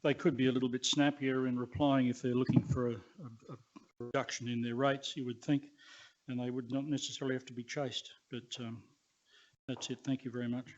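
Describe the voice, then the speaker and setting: A man's voice: medium pitch, level tone, a little fast. A man councillor making comments and dry joking asides in a council debate. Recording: dull audio from far from the mic.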